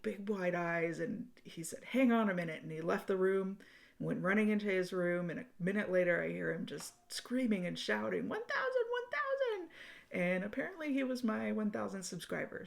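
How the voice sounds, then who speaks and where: Gravelly low-voiced woman vlogger. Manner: chatty and friendly, with frequent ums. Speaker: cross-stitch channel host. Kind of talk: casual vlog progress update.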